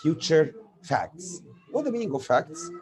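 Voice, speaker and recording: Speaking at a measured pace, this native Arabic speaker with an Egyptian accent delivers a spoken grammar lesson full of examples. He is a teacher who asks his own questions and then answers them, in a slightly high voice that swings widely in pitch.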